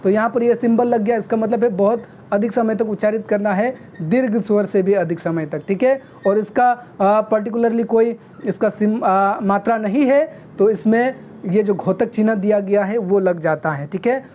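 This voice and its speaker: Mellow-voiced woman teaching, dull recording. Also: medium pitch, slight background noise. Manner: often checks with "okay?" and sounds out vowels slowly. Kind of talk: video grammar lesson.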